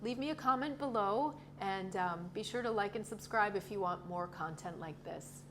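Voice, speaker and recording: A woman leading a yoga class with short, calm cues in a gentle, encouraging, informal way. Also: mid-range voice, normal speed. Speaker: yoga instructor. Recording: clearly noisy ambient background.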